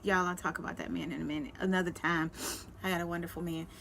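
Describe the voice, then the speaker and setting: A woman, telling an emotional personal story to camera, earnest and repetitive, her voice dropping to a hush at times. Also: lowish voice, fairly even intonation, fast talker, vocal fry, a little hiss or hum. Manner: repetitive, earnest, at times hushed and tearful in retelling. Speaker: vlogger and realtor.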